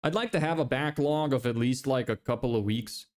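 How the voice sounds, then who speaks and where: A young man from Lithuania livestreams as he builds a business, reading viewer comments and making fun of himself in loose, self-deprecating style, with casual swearing and lots of laughing. His English has an American sound, and his mid-range, slightly mellow voice runs fairly quick.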